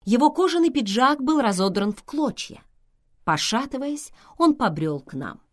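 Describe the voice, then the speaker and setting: A woman's voice: on the high side, big pitch swings, moderate pace. A woman narrating a novel aloud, voicing each character expressively.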